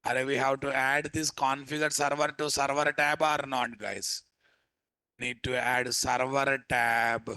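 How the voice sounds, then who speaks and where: A man with a Telugu Indian accent teaching a live step-by-step software tutorial, informally addressing learners and often asking rhetorical questions. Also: medium pitch, level tone, measured pace, smooth, no echo. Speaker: software instructor.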